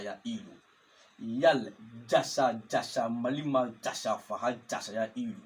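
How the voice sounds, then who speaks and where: A man's voice: medium pitch, a little mellow. A man teaches geomancy step by step, chanting formulas again and again. He often stops to ask whether listeners have understood. Faint noise hums behind him. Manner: repetitive, chants formulas over and over; often checks understanding with questions. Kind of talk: instructional talk.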